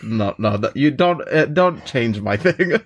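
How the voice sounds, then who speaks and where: A man's voice: mid-range voice, animated, unhurried. A man co-hosting a podcast in casual chat, often laughing as he defends himself against teasing. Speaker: podcast co-host.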